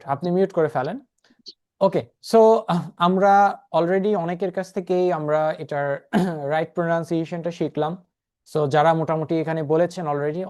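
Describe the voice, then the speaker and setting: A man's voice: fairly high pitch, a little mellow. A man teaching an online class over a video call, patiently repeating and spelling things out for his students. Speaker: spoken English instructor.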